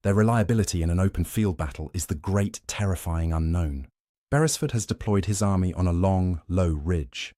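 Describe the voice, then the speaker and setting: A man narrates history in a grave, measured, dramatic way, pausing for weight. His voice sits very low. The sound is dry and close, with no room around it. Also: mellow, no room sound. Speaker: documentary narrator.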